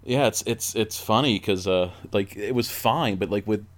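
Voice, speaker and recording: A man's voice: lowish voice, moderate pace. A man in his forties chatting casually as a podcast co-host, rambling with lots of fillers and restarts. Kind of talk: casual chat.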